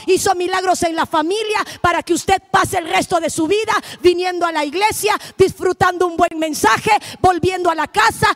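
A woman preaching a missionary sermon, impassioned, swinging between shouted lines and hushed ones. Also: very high voice.

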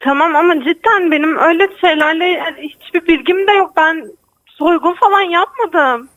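A young woman with a high voice answers the phone haltingly, sounding confused and on the defensive. Her voice is dry and close, with no room sound around it. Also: a bit bright, dry recording, low-quality recording. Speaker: prank call victim. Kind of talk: phone conversation.

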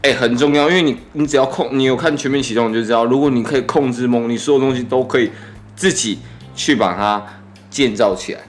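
A man's voice: medium pitch, fast, faint music behind. A man in his twenties with a Taiwanese Mandarin accent hosts a casual, laid-back podcast chat, his articulation slightly muffled by braces on his teeth. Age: 20s. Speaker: podcast host.

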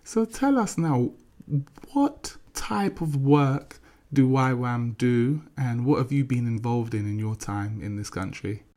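Interview host, mid pitch, brief and encouraging prompts. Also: animated, takes it slowly, dark tone. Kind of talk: casual interview.

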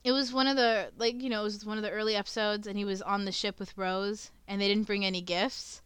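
Giggly, bright-voiced young woman podcaster. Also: mid-range voice, quick pace, clear, resonant tone, no room sound. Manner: laughs often, swears freely, animated storytelling. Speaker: podcast co-host. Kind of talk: casual chat.

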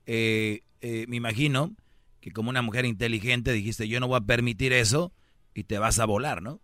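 A man's voice: mid-range voice, steady tone, normal speed, bright, forceful tone, dry recording, studio quality. A man hosting a radio call-in show, giving blunt, emphatic, opinionated advice.

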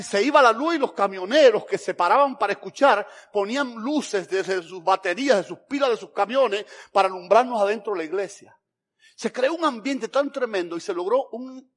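A man from Cuba, preaching a sermon as an evangelist, telling his story dramatically with sudden swings between loud and hushed delivery. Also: high voice, moderate pace.

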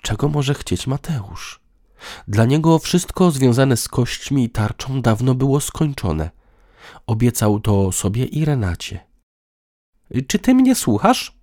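A man narrating a novel as an audiobook in a measured, expressive way. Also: medium pitch, no room sound, studio quality.

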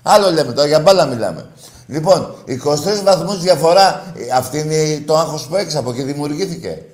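A male radio sports host needling a caller in call-in banter, teasing and quick to get heated. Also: fairly high pitch, lively intonation, a little mellow.

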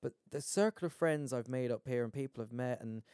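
A man's voice: medium pitch, a little fast, dark tone, clean tone, dry recording, studio quality. A man with an Irish accent in casual chat as a podcast host, rambling emphatically with swearing and frequent "man". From Ireland.

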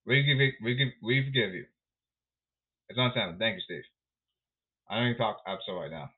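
Animated man hosting a tinny podcast. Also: lowish voice, brisk. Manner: repetitive, announcer-like calling out. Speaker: podcast host. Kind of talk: solo sports podcast rundown. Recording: tinny phone-like sound.

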